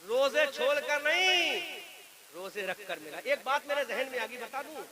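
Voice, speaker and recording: A man preaching a fervent storytelling sermon at an outdoor religious gathering, with rhythmic repeated refrains and calls to the audience that swell into shouting. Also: very high voice, sing-song, normal speed. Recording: live crowd at a public-address event. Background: crowd.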